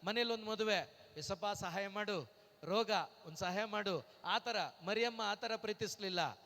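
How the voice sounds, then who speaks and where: A man's voice: high-pitched, sharp tone. A man preaching a sermon, asking the congregation rhetorical questions and calling out hallelujahs between lines. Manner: breaks into slow sung lines. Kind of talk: Pentecostal-style sermon. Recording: long reverb in a hall.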